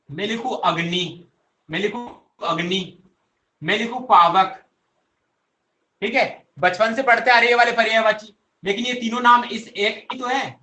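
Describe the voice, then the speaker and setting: A man's voice: high voice, sharp tone. A young man teaching an online grammar class, who keeps asking his students questions and answering them himself. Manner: coaxing, addresses students directly. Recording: echoey room.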